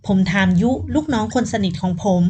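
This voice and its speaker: A woman narrating a romance novel audiobook in a steady storytelling voice. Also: medium pitch, fairly quick, background noise.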